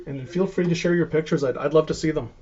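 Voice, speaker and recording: A man's voice: on the high side, fast talker, a little mellow. A man with a Canadian accent hosting a live cooking stream, explaining casually as he chops and preps. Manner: casual, chatty, explains as he works. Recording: dull lo-fi stream audio.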